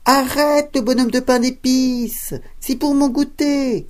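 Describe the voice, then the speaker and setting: A woman voicing a cross old woman in a children's storybook, calling out in shrill scolds. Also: fairly even intonation, slow, darkish tone. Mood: scolding.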